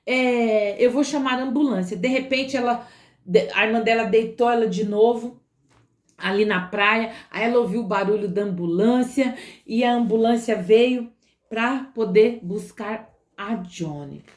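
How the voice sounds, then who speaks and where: A woman telling a dramatic story to children, animated, with sound effects and fillers. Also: fairly high pitch, unhurried. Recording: roomy echo.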